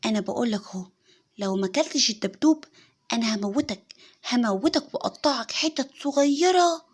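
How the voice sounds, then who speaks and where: A woman with an Egyptian accent voicing a young, mentally unstable wife who makes loud, frantic threats in a spoken story. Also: on the high side, lively intonation, brisk, slightly rough. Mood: threatening. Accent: Egyptian Arabic.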